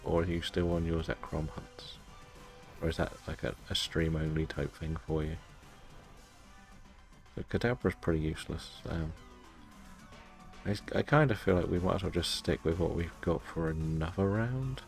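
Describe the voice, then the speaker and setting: A man with a distinctly low voice talks casually through a game on his stream. He is low-key and a little self-deprecating, chatting to viewers as he goes. Faint music plays behind him. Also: moderate pace, vocal fry, pauses often. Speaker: live-streaming gamer.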